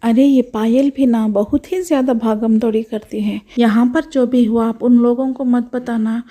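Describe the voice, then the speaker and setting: A brave, helpful young village woman from a doll storybook, played by a woman narrator. She calls out loudly in a high, mellow voice and is full of exclamations. She comes across as bold and caring. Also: fairly even intonation, moderate pace, natural voice. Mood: concerned. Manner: loud, exclaiming.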